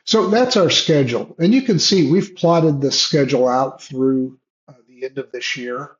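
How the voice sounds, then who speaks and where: A man hosting an online Q&A, talking casually with halting restarts and fillers, his voice cutting out over an unstable video call connection. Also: medium pitch. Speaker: host of online Q&A session. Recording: lo-fi choppy online call audio.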